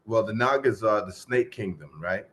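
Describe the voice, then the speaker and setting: A man telling stories in a casual group chat, animated and acting out the people in them. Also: lowish voice, moderate pace. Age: 20s. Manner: animated storyteller, acts out voices and quotes.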